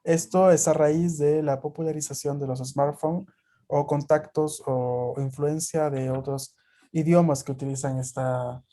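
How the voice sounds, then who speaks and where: A man's voice: fairly high pitch, steady tone, a little slow, dark tone. A man teaching a language class over a video call, explaining patiently with many fillers. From Peru.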